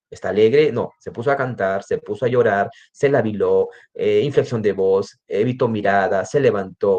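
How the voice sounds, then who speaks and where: A man whose voice is fairly low and mellow, with a Peruvian Spanish accent, gives a step-by-step lecture as a forensic psychologist. Frequent "¿no?" tags and restarted sentences mark his speech, heard on a slightly dull lo-fi recording.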